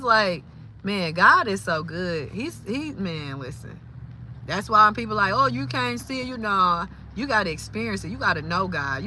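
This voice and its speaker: A woman, talking casually about faith on a livestream, lively and quick to exclaim. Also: mid-range voice, a little hiss or hum. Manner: lively, exclaims and laughs often. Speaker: live streamer.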